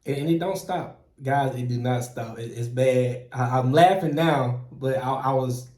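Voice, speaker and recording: A middle-aged man from Mississippi, giving earnest, animated advice as a channel host in casual talk. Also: medium pitch, unhurried. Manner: earnest and animated, frequent "man" and "you know", restarts, chuckles. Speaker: process operator and channel host. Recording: roomy echo.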